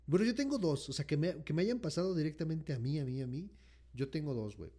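A man's voice: on the high side, lively intonation, fast, mellow. A man with a Mexican accent, co-hosting a podcast in casual chat, with frequent short reactions and slang exclamations. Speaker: podcast co-host.

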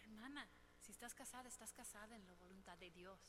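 A woman's voice: mid-range voice, a little fast, big-room sound, noisy background. A woman preaching to women, telling personal stories with humor and acting out what people said. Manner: personal, humorous storytelling with quoted voices. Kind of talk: sermon.

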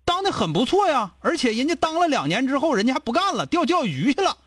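A man with a Northeastern Mandarin accent hosting an advice show, scolding a caller bluntly with rapid rhetorical questions. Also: very high-pitched, very animated, fairly bright tone, no room sound, studio quality. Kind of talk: call-in advice chat.

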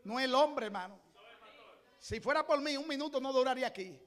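A middle-aged man preaching in a strikingly high voice. He builds to loud, impassioned cries, repeats his phrases again and again, and then drops back into plain talk to tell his stories. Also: brisk. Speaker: pastor. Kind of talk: sermon.

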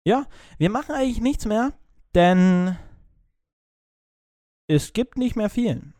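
Brief: male podcast co-host, mellow, fairly high voice, chatty and rambling, dry close recording. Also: animated, takes it slowly, no room sound. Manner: chatty, jumps between topics, stumbles and restarts. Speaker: podcast co-host reading news. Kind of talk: casual chat.

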